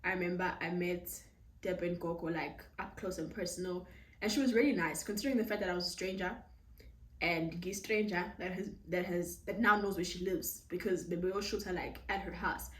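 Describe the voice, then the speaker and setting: A young South African woman with a South African accent, telling a casual storytime vlog, animated and code-switching as she acts out the dialogue. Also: lowish voice, fairly quick. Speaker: YouTuber. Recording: roomy, slightly distant mic.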